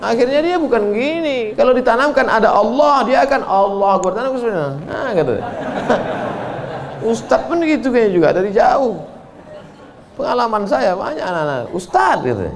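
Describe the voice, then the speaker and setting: Lively high-voiced male preacher. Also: moderate pace. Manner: animated storytelling, acting out quoted voices. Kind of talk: sermon.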